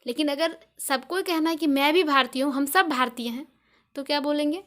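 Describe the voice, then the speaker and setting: A young woman with an Indian accent and a high voice explains English grammar for an online lesson. She goes slowly and patiently, repeating each point in several ways with everyday examples. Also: a bit bright. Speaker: English teacher.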